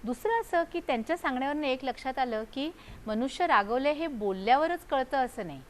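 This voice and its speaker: An older woman, a psychiatrist guest, explaining calmly and using proverbs. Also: high voice, a little fast, a little hiss or hum. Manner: calm, explanatory, uses proverbs. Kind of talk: explanatory studio talk.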